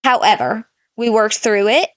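A woman's voice: on the high side, unhurried, no room sound, studio quality. A woman in her thirties co-hosting a podcast, giving blunt, emphatic advice in casual chat and swearing often. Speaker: podcast co-host.

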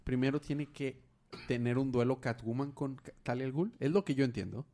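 A man retells comic-book plots for a casual podcast. He talks in a lively, storytelling way and acts out the characters' lines. His voice sits at an ordinary male pitch. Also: moderate pace. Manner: animated storytelling, quotes characters. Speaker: podcast co-host.

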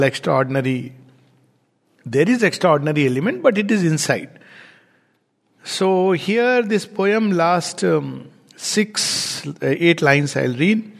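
Casting: man with a high voice, musing, chuckling poetry lecturer, long hall reverb. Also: creaky. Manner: musing, unhurried, frequent chuckles and "you know" fillers. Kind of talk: reflective spoken lecture.

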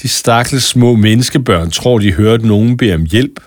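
A man's voice: medium pitch, no echo, studio quality, lightly acted. A man voicing a haughty, affected queen of the beasts in a storybook reading. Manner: affected, mocking.

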